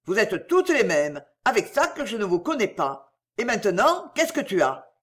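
Woman putting on a loud angry factory boss man, barks orders, scolds, pitch jumps all over. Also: sing-song, moderate pace, close to an everyday voice. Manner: barking, scolding. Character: harsh shouting male factory director.

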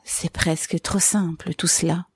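A woman's voice: fairly low pitch, steady tone, unhurried, slightly rough, dry recording, exaggerated voice. A woman reading aloud, voicing a cautious, anxious mother who speaks hesitantly and doubtfully.

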